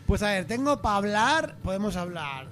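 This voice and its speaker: A high-pitched man co-hosting a casual radio show, playful and teasing in his banter. Faint music sits under his voice. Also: big pitch swings, normal speed.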